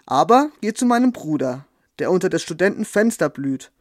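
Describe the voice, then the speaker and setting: A man voicing a vain male yellow rose bush in a storybook tale, speaking slowly and grandly. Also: high voice, big pitch swings, no echo, clean studio sound. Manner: slow, loud, grand.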